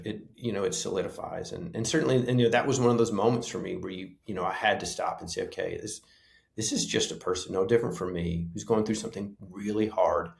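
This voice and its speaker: A man with a low, gravelly voice, speaking earnestly and reflectively as an interview guest. He often circles back and restarts his sentences with "you know." His voice carries a noticeable echo, as if he were in a resonant room. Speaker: interview guest, former paramedic. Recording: roomy echo.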